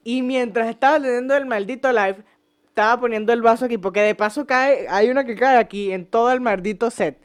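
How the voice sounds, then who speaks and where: A man's voice: very high-pitched, brisk, clear, resonant tone. Man, Venezuelan accent, young adult, podcast host, casual storytelling, profane, joking, frequent laughter. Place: home podcast set.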